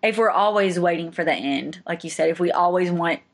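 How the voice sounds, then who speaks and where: A young woman chatting casually, her voice sitting a little low for a woman. She rambles through stories with plenty of fillers and small laughs. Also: brisk. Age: young adult. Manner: chatty, lots of likes and laughs. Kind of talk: casual chat.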